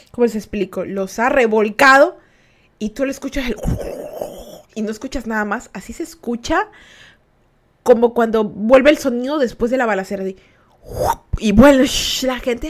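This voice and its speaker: A young woman from Ecuador, hosting a podcast and telling a story to listeners in a casual, animated way. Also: fairly high pitch. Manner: animated, acts out voices and laughs while telling. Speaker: podcast host.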